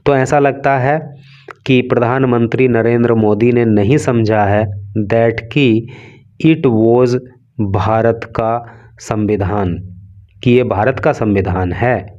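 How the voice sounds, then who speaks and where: Slow, explaining Indian man teaching English. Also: medium pitch, darkish tone. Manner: reads English phrases slowly, then explains in Hindi; explanatory, asks rhetorical questions. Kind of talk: newspaper reading lesson. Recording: dull lo-fi sound.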